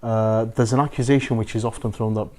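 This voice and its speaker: A man's voice: on the low side, steady tone, fast. A man hosting an interview, asking polite questions with some hesitation and fillers, and also presenting to camera. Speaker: imam and interviewer. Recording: soft guitar music behind.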